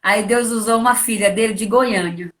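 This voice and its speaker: A middle-aged woman preacher giving a conversational testimony and teaching, full of rhetorical questions and sudden emphatic high stresses. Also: normal speed. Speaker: preacher, guest.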